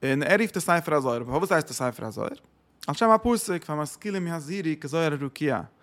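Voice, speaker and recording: A man gives a scripture lesson in a fairly high voice. He keeps putting questions to himself and answering them, with sudden emphatic bursts of loudness. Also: expressive, quick pace. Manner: asks and answers his own questions. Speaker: Torah teacher. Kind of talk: religious text lesson.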